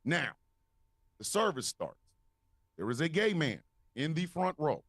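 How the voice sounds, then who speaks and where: Speaking unhurriedly in a slightly high voice, a man co-hosting a podcast recounts a crazy tale, cursing freely and laughing as he goes. The recording has no echo.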